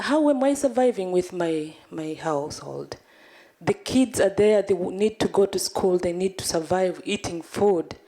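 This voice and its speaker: Speaking from the floor of a big conference hall, a Tanzanian woman delegate from civil society makes an impassioned comment. Her voice is mellow and fairly low, and she pleads earnestly, stopping and restarting as she works through her thoughts.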